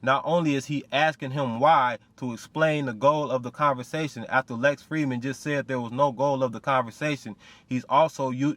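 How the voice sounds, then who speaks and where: A man in the middle of his pitch range gives excited reaction commentary on a clip. He talks in a loose, street-casual way and keeps checking in with "you feel me." The recording is dry and close. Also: dry recording. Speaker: video commentator.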